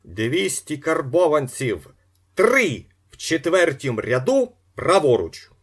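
A man doing a ringing, drawn-out auctioneer. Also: a little high, sing-song, slightly rough, pitched above the performer's own voice, exaggerated voice. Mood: announcing. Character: brisk male auctioneer, calling out bids.

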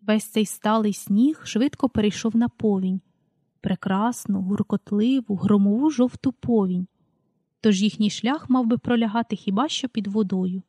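Mellow-voiced woman reading a storybook. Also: medium pitch, slightly rough, no room sound, studio quality. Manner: calm, unhurried reading, announces page numbers aloud. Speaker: audiobook reader. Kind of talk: storybook read-aloud.

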